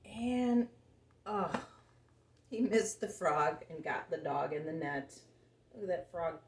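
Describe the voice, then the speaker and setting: A woman reads a picture-book story aloud to young children, keeping it simple and expressive and asking her listeners questions. Her voice is on the low side with a darkish tone, expressive and slow. The recording has a roomy echo and faint background noise.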